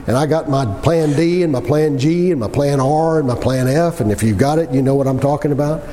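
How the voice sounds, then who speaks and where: A man in his sixties preaches a sermon in a folksy, conversational way, driving his points home with repetition and rhetorical questions. His voice is a little high, brisk and warm, and the recording carries long hall reverb with background noise.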